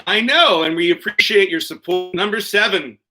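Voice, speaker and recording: A man's voice: high voice, moderate pace, pushed and bright, faint music behind, poor audio. A man hosting an online quiz over a video call, reading questions and tossing in joking, profane asides. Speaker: quiz host.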